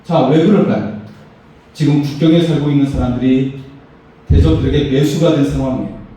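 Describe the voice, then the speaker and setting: A man's voice: medium pitch, fairly quick, mellow. A pastor, a man, preaching a sermon with emphatic, rising phrases. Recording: echoey hall, voice far from mic.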